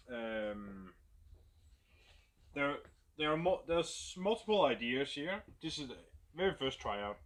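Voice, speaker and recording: A Danish-accented game designer with a mid-range, slightly bright voice casually explains a new roleplay setup, thinking aloud and searching for words as he goes.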